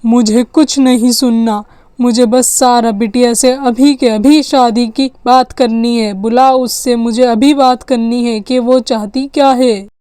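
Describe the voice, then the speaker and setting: Woman voicing a stern father, doll story, commanding, very slow, smooth dry voice. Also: a little high, fairly even intonation, warm tone, dry recording, natural voice. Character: stern middle-aged father.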